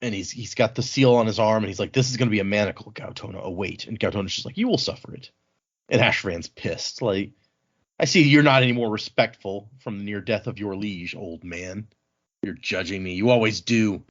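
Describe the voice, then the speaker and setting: Through a muffled recording comes a fairly low-pitched man talking a little fast. He leads a book read-along as podcast co-host, narrating in relaxed, colloquial chat and paraphrasing characters' lines as he performs them.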